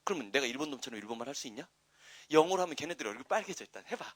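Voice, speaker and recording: A man teaching an English grammar class, chatty and wandering into asides, then loud and emphatic when he explains the rules. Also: mid-range voice, expressive, racing, dry recording. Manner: rambling, chatty asides with frequent "응?" checks. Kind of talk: classroom lecture.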